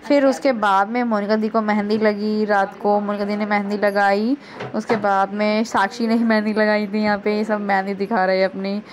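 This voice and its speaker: A woman's voice: mid-range voice, level tone, moderate pace. A young woman vlogger narrating her sister's engagement clips in a chatty, casual way, often repeating "so guys".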